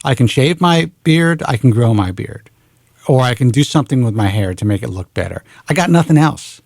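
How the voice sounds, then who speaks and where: A man's voice: medium pitch, lively intonation, a little fast, vocal fry, darkish tone, no echo, clean studio sound. A man in his forties hosting a radio talk show, talking frankly and bluntly and swearing casually. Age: 40s.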